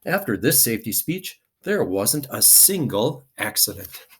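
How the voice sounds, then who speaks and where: A man's voice: medium pitch, very animated, a little slow, husky. A man reading a children's picture book aloud expressively, with dramatic emphasis.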